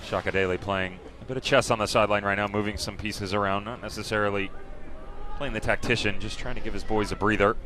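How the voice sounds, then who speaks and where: A man's voice: on the low side, steady tone, quick pace, bright, forceful tone. A man working as a color analyst, giving conversational live soccer commentary. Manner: conversational, with rhetorical questions.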